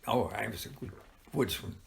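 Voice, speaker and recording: An elderly man with a gravelly grandpa voice, telling childhood stories informally in a halting, rambling way with frequent pauses. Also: fairly low pitch, noisy background. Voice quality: gravelly, creaky. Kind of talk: informal oral storytelling.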